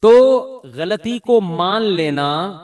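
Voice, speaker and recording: Pakistani urdu preacher guy, middle-aged, pretty high voice, chatty sermon, acts out little quotes. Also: lively intonation, a little mellow. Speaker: religious preacher. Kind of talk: Islamic sermon.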